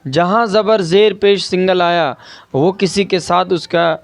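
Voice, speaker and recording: A man teaches Quran reading online, speaking in a smooth, resonant, slightly high voice. He drills each syllable slowly and poses rhetorical questions to his students. The sound is close and dry, with no room echo. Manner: patient, repeats and stretches out syllables for drilling.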